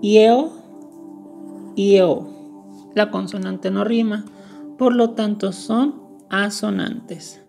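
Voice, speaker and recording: A woman teaches a lesson at an unhurried pace, going through each point in turn. Her voice is low-toned and mellow, with a gravelly edge, and she often repeats the key word to make it stick. Soft music plays faintly behind her. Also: fairly even intonation. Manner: explains step by step, repeating key words. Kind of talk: screen-recorded lesson.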